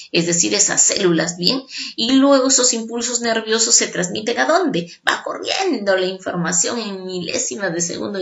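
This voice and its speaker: A woman teacher with a gravelly, creaky voice at a mid pitch, explaining a lesson to young students. She is expressive and keeps checking that the class is following. Her tone stays even and familiar throughout.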